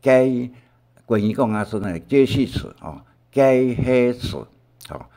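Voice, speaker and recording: An older man with a Taiwanese Hakka accent giving a recorded language lesson, explaining in a halting way with frequent pauses and restarts. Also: medium pitch, lively intonation, mellow.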